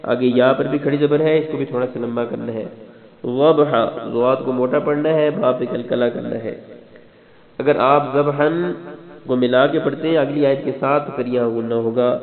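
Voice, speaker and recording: A man teaching Quran recitation rule by rule, explaining briskly and methodically. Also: medium pitch, fairly even intonation, a crowd in the background. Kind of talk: step-by-step recitation instruction. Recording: tinny, echoey, phone-like sound.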